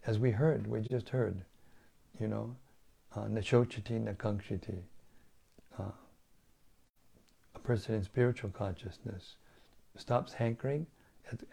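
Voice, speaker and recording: With a mellow, gravelly mid-range voice, an older man who teaches spirituality speaks slowly about scripture in a devotional talk. He often goes back to repeat himself or start a phrase over.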